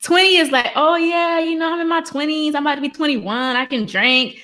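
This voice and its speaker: A woman in her thirties talks as a podcast guest, and she tells her stories with plenty of laughter. Her voice is bright and forceful. It also sits a little high. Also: a little fast. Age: 30s. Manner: lively, laughing storyteller. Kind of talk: casual interview chat.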